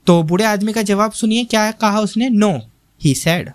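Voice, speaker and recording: A young male tutor works through a textbook chapter at a very slow, deliberate pace. He reads each line and then explains it, asking quiz-style questions. His voice is close and dry, with no room sound. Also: sits high, dry recording. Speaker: teacher.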